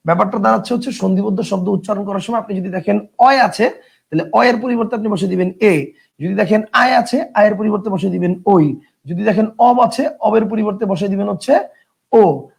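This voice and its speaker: A man's voice: sits high, fairly quick, vocal fry. A man teaching an online grammar class, repeating key phrases, quizzing students and reading out viewer comments.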